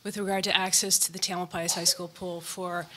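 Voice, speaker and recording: A woman's voice: on the low side, level tone, a little fast, a crowd in the background. A woman making a public comment at a school board meeting, a little out of breath, earnest and apologetic, with frequent hesitations.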